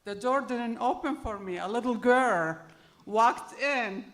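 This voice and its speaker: A middle-aged panel speaker with an Arabic accent recounts her immigrant story through personal anecdotes for an audience. Her voice sits on the high side with a fairly bright tone, and she takes her time.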